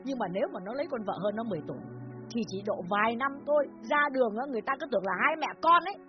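A woman plays a domineering older mother who scolds in rapid bursts. Her voice sits high and leaps around. The audiobook sound is dull, with faint music under it. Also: sing-song. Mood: furious scolding. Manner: scolding, shrill, rapid-fire. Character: angry older mother, sharp-tongued and domineering. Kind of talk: dramatized audiobook reading.

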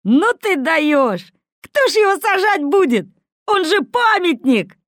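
A woman voicing a crude, hot-tempered, dim-witted male crook who shouts in exasperated slang. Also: sits high, huge pitch swings, takes it slowly, no echo, studio quality, pitched above the performer's own voice, exaggerated voice. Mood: condescending.

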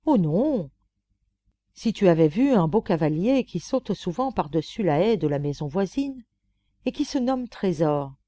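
Storybook lapdog voiced by a female reader: gossipy, pampered, confiding; mellow tone, close dry mic. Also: lowish voice, big pitch swings, unhurried, dry recording. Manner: chatty, confiding, mocking. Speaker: audiobook reader. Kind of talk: audiobook narration.

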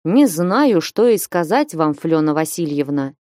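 A woman's voice: fairly low pitch, animated, measured pace, mellow, no echo, studio quality. A woman voicing a timid sighing young man.

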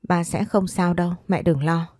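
A woman's voice: fairly low pitch, steady tone, normal speed, darkish tone, dry recording, clean studio sound, close to an everyday voice. A woman voicing a hot-tempered young married woman who snaps in angry outbursts. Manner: snapping outbursts.

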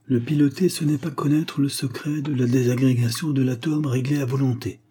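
A man's voice: mid-range voice, fairly even intonation, a little fast, warm tone, a little hiss or hum, pitched above the performer's own voice, natural voice. A man voicing an implacable blackmailing spy. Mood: commanding. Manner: menacing, commanding. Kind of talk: audiobook reading of a spy novel.

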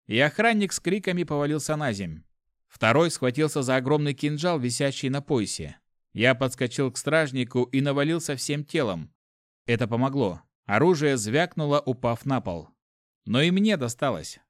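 A man reading a first-person adventure story aloud in a steady storytelling voice. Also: mid-range voice, moderate pace, no echo, clean studio sound. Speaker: audiobook narrator. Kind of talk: first-person fiction narration.

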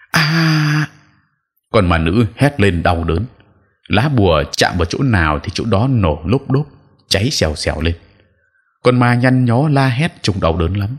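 A man narrating a horror story in a measured, even storytelling voice. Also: fairly low pitch.

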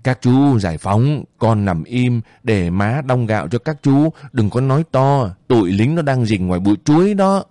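A man voicing a sharp-tongued young village woman who scolds quickly and insistently. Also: medium pitch, sing-song, dry recording, clean studio sound, lightly acted. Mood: urgent.

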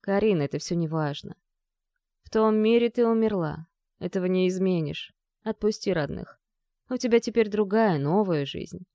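A woman's voice: mid-range voice, moderate pace, warm tone, no echo, clean studio sound, lightly acted. A woman voicing a young man who speaks firmly and decisively, urging the heroine. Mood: firm, urgent. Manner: firm, decisive, commanding. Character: stern, urgent young man, the heroine's boyfriend. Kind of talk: audiobook character voice.

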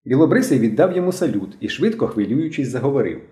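A man's voice: medium pitch, quick pace. A man narrating a children's adventure novel as an audiobook, telling it expressively. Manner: expressive storytelling. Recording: roomy echo.

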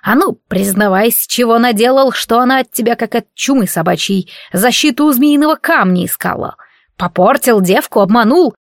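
A woman's voice: fairly high pitch, moderate pace, dry recording, lightly acted. A woman voicing a grumpy, scolding old village witch who talks in folksy, rustic old speech. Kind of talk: audiobook character voice.

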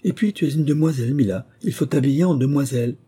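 A man reading an audiobook voices a frail aristocratic mother who speaks gently and admonishes her daughters. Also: mid-range voice, fast talker, slightly rough, pitched above the performer's own voice, close to an everyday voice. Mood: admonishing.

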